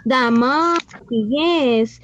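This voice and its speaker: Teaching a class online, this high-voiced woman blends Spanish with English, quizzing her pupils and offering praise. Her words are drawn out and a little bright, with slight background noise behind her on a dull, lo-fi recording.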